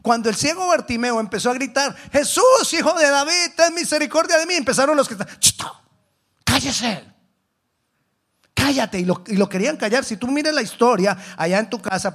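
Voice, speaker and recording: A man preaching a sermon, swinging between loud exhortation and hushed asides, acting out the voices of biblical characters. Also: high-pitched, animated, fast, hardly any pauses.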